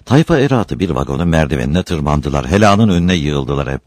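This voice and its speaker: A man's voice: very deep voice, sing-song, fairly quick, no echo, clean studio sound. A man narrating a novel chapter as an audiobook, telling the story expressively.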